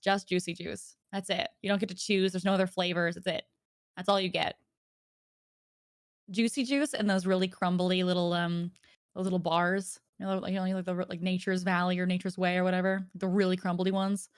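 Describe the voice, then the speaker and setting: A woman's voice: on the low side, no room sound, studio quality. A young woman guest chatting casually on a stream, giggly and playfully teasing like a mock villain. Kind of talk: casual chat.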